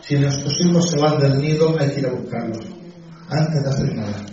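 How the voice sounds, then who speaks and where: Middle-aged pastor, chatty sermon, dark voice, dull far-off mic in a big echoey room. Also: male voice, medium pitch, moderate pace. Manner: conversational, frequent "¿sí?" and "¿sabes?" asides. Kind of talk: sermon with personal anecdote. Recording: dull distant echoey church hall.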